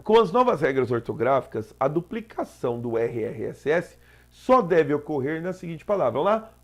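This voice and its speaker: A man's voice: on the high side, very animated, normal speed. A Brazilian Portuguese-speaking man teaching an exam prep lesson, explaining step by step and checking in with "tá?" after each point.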